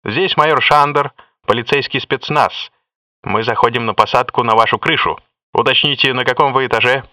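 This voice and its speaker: A man's voice: mid-range voice, brisk, pushed and bright, no echo, far from the mic. A man reading a story voices a male police special forces major who gives clipped orders over a walkie-talkie radio. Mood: brisk. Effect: heard over a walkie-talkie radio.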